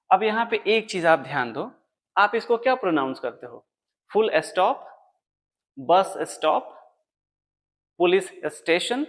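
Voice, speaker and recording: A man's voice: sits high, fairly bright tone. A man teaching an English grammar lesson, explaining step by step and answering his own questions. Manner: writes on a board while explaining.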